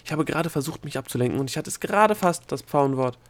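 Sharp-tongued young princess, higher voice, male reader putting her on. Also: expressive, fast talker, lightly acted. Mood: exasperated. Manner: snappy, sarcastic. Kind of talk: audiobook character voice.

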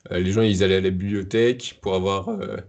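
A young man co-hosting a casual chat, explaining things in a measured way. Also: low-pitched, little pitch movement, darkish tone, dull audio. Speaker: podcast co-host.

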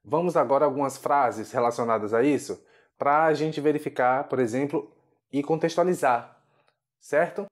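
A man giving a video English lesson, slowing down carefully to model each pronunciation. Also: mid-range voice. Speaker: English teacher.

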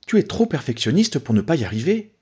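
A clever young woman who corrects her friend with steady patience, as a male reader raises his voice for her. The voice climbs high and swings about, with a husky edge. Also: quick pace. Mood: patient. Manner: raised pitch, patient and sure.

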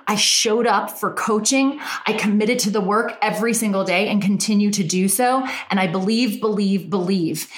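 A woman with a Valley Girl accent, a relationship coach giving a chatty, emphatic motivational talk. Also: medium pitch. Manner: chatty and emphatic, repeats words for stress. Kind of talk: motivational monologue. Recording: roomy echo.

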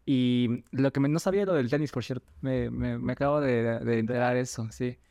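A man's voice: medium pitch, moderate pace, gravelly, no room sound. A man hosting a podcast, chatting casually and rambling through his thoughts with lots of fillers. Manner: relaxed, rambling with many fillers. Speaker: podcast host. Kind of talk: casual interview chat.

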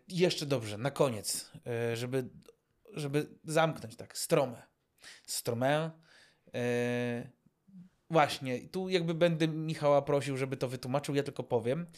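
A man co-hosting a podcast, talking in relaxed improvised chat with many fillers and restarts. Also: mid-range voice, unhurried. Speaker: podcast co-host.

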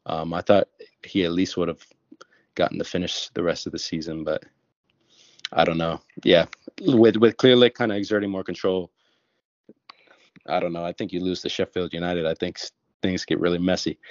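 American man, low voice, casual football podcast chat, hesitant restarts, dry dull mic. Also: steady tone, moderate pace, pauses often, dry recording. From United States. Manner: hesitant, restarts often, says "like" a lot. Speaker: podcast panelist.

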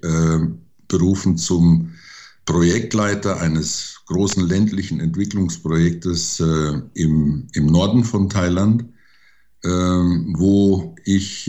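Slow, deep-voiced older man, hesitant. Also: a little mellow. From Germany. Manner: slow and hesitant, many fillers. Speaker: interview guest, forester. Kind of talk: interview answers.

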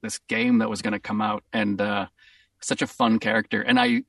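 A man with a Boston accent, a voice actor, talking in a casual interview in an upbeat, excitable way and laughing easily. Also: lowish voice, normal speed, creaky, no echo, clean studio sound, far from the mic. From Boston, USA. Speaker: voice actor guest.

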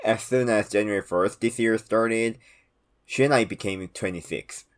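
A man in his twenties speaks in a fairly low voice with a Korean accent. He explains things in a casual way, with non-native English phrasing. His V sounds don't come out as a native speaker's would. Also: a little slow. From South Korea. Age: 20s. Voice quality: trouble pronouncing V sounds. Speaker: podcast co-host explaining Korean customs.

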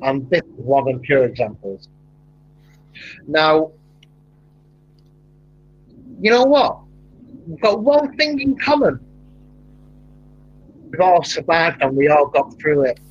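A man from Manchester, England, with a broad Mancunian accent chats casually and animatedly, telling stories and laughing often. He takes it slowly with frequent pauses, his voice slightly rough and rising in pitch when he gets excited. The recording is muffled.

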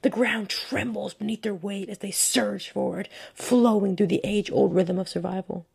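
A woman hosting a podcast in the style of a scripted nature documentary, with earnest, descriptive and measured storytelling. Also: mid-range voice, steady tone, gravelly, darkish tone, slightly rough. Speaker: podcast host.

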